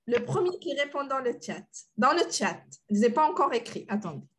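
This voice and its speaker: A woman's voice: high voice, very animated, normal speed, slight background noise. A woman teaching French in an online class over a video call, playful and encouraging, laughing often.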